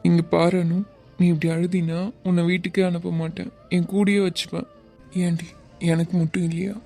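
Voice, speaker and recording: Woman doing a soft-spoken young man, cartoon, flat and low, coaxing. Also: normal speed, gravelly, soft background music. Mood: tender. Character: gentle young man in love, reassuring and teasing. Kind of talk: animated web series dialogue.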